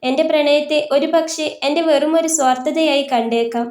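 A woman's voice: high voice, normal speed, a little mellow, lightly acted. A woman voicing a heartbroken, lonely young woman in a tearful, pleading tone, in a roomy recording. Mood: sorrowful. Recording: roomy echo.

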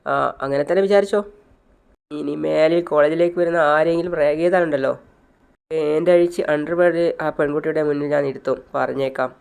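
A man voicing a brave young male professor who firmly scolds bullies, in his own gravelly voice. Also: on the high side, steady tone, brisk, darkish tone. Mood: stern. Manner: firm, scolding.

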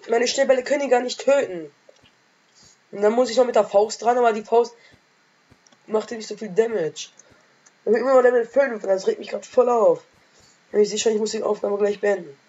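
A woman casually commentating her own game as a let's play gamer, trash-talking excitably, with a sore throat and frequent coughs. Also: fairly high pitch, lo-fi sound.

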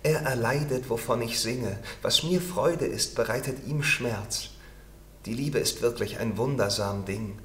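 A man's voice: mid-range voice, a little slow, a bit bright, roomy sound, a little hiss or hum, close to an everyday voice. A man voicing a tender, longing female nightingale in a storybook reading, lyrical and earnest. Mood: wondering.

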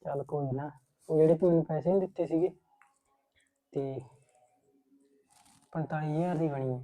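A man's voice: a little high, steady tone, moderate pace, dark tone, lightly acted. A man playing an easygoing young husband who responds in an offhand, placating way in a village family drama.

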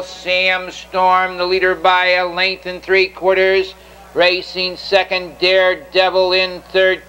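A man works as a horse race caller, giving live commentary in a high, forceful voice. His delivery is measured and unhurried, with short clipped phrases naming each position as the field moves. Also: lo-fi sound, a little hiss or hum.

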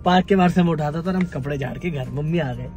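A young man and vlogger telling stories from his school days to his viewers in a lively, chatty way that often breaks into laughter. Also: on the high side, fast, lo-fi sound, soft background music. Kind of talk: casual storytelling to viewers.

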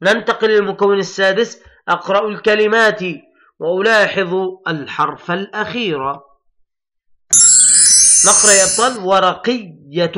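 High, bright-voiced male teacher sounding letters. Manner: slow, drawn-out, emphatic letter sounding for children; addresses pupils as heroes, patient and encouraging. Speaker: primary school Arabic teacher. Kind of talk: recorded classroom lesson for young children.

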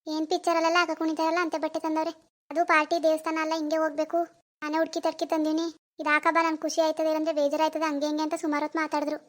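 A woman's voice: high voice, completely flat delivery, very fast, close to an everyday voice. Woman voicing a sulky young wife. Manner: soft, reluctant. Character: young married daughter, hesitant and sulky. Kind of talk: animated cartoon voice acting.

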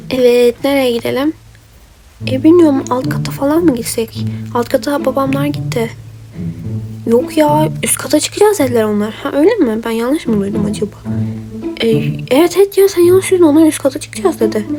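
A woman voicing characters in a doll game role-play, lively and chatty, switching between them. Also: sits high, a little fast. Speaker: role-play video maker. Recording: background music.

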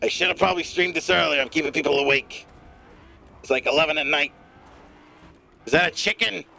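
A man streaming a game live, giving profane, rambling running commentary in a put-on gravelly smoker's rasp. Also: fairly high pitch, a little fast, pushed and bright.

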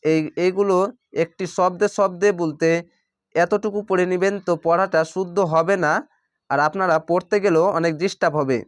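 A high-pitched man gives a patient recitation lesson in a Bangladeshi Bengali accent, stretching out sounds slowly and repeating the rules. The recording is dry and close, with no room sound. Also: steady tone, no room sound. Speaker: Quran reading teacher.

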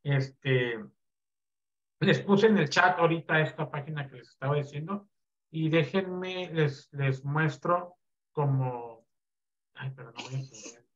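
A man teaching a basic computer class over a video call, relaxed, with many fillers and check-in questions. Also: on the high side, a little slow, dull audio.

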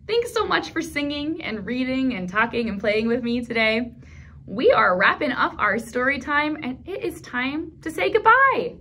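A high-voiced woman in her thirties, speaking at a moderate pace, hosts a children's storytime at a library in a small indoor room. Her instructional talk to toddlers and their grown-ups is animated and encouraging, with simple, clear phrasing for young kids.

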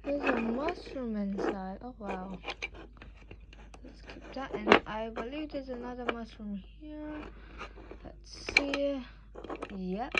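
A woman chatting casually as she sets up a dollhouse, with excited little exclamations. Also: a little high, slow pace, pauses often. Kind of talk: casual toy play commentary. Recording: dull lo-fi sound with clear background noise.

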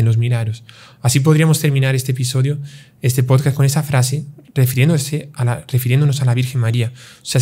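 Calm, mellow-voiced priest explaining. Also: male voice, medium pitch. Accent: Spanish-speaking. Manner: calm, measured, teaching with parables and rhetorical questions. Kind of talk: explanatory religious talk.

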